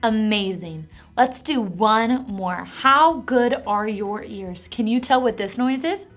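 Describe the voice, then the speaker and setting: Animated woman teaching preschoolers. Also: a little high, takes it slowly, faint music behind. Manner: animated and encouraging. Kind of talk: children's Bible lesson.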